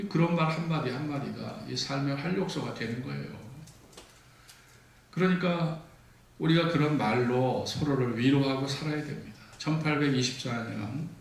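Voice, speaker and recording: A pastor with a gravelly, mid-range voice preaches a sermon in a church sanctuary, telling stories and acting out what the people in them say. The mic picks him up from a distance in the echoey hall, with slight background noise.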